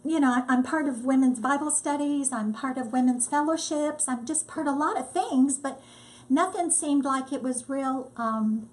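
An older woman, a disaster relief volunteer, telling her story in a lively, casual way and acting out what people said. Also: sits high, normal speed, few pauses. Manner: lively storyteller, acts out quotes. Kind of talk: casual testimony.

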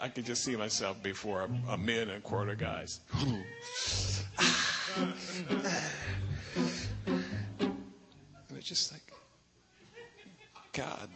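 A man preaching a sermon, telling personal stories in an animated way with chuckles between lines. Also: lowish voice, a little slow, long pauses. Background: guitar music.

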